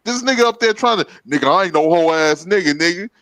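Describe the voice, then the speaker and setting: Animated man telling road stories, dry mic. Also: fast, dry recording, low-quality recording. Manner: animated, rises loud and high when acting out confrontations. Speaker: podcast co-host. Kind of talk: casual storytelling.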